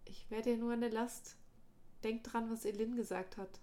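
A woman voicing a wounded young male mage who speaks quietly and calmly in a weak, soft voice in an audiobook. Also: fairly high pitch, normal speed, natural voice. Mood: weak resigned. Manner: quiet, calm and resigned. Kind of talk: audiobook dialogue.

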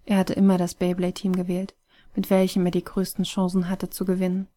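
A woman narrating an audiobook story in a soft, hushed, breathy manner. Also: lowish voice, completely flat delivery, fairly quick.

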